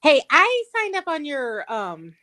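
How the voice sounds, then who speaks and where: A woman's voice: sits high, wildly swooping pitch, a little slow, bright, forceful tone. A woman with a Southern US accent, telling a chatty story as a guest on a livestream. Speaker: paralegal and sweepstakes guest. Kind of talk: casual storytelling chat. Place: livestream video call.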